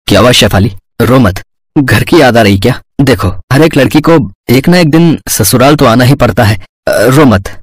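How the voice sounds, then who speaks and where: An actor voicing a poor young husband in a cartoon story who runs a small roadside eatery, anxious and pleading. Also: male voice, high voice, lively intonation, normal speed, dry recording. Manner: pleading, worried.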